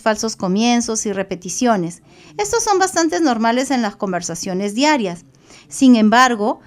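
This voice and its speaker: Peruvian woman giving a psychology lecture. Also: fairly high pitch. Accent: Peruvian Spanish. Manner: explanatory, with fillers and self-corrections. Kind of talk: recorded online lecture.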